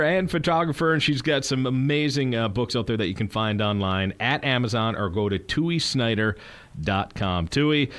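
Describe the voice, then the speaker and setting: A man's voice: lowish voice, fairly bright tone. A man hosting a radio show in a casual, chatty and affirming way.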